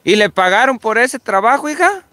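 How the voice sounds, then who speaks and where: A woman's voice: on the high side, sing-song, moderate pace, fairly bright tone, no room sound. A middle-aged woman, the mother, chatting in a supportive way and often repeating herself as she talks. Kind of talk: casual conversation.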